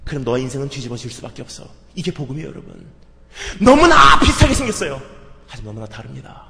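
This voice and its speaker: A man preaching a sermon, swinging between soft low asides and loud fervent outbursts, acting out conversations with a friend. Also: very fast, vocal fry. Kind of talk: sermon with acted dialogue. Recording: reverberant hall.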